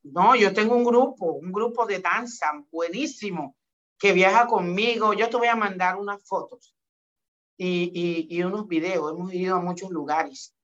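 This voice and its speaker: A woman's voice: lowish voice, normal speed, lo-fi sound. A woman from Palenque, Colombia, telling stories in a casual interview as a dance group director, calling the listener "mijo" and "mi amor". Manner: warm affectionate storytelling, says "mijo" and "mi amor". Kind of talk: casual interview talk with sung excerpts.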